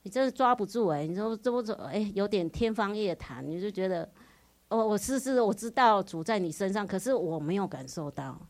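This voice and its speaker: A woman's voice: mid-range voice, lively intonation, a little fast. A woman in her forties with a Taiwanese Mandarin accent, giving an earnest, emotional personal religious testimony at a retreat, full of interjections.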